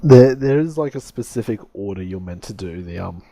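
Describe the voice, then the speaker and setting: Deep gravelly man hosting a gaming chat. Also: expressive, fairly quick, mellow. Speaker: podcast host.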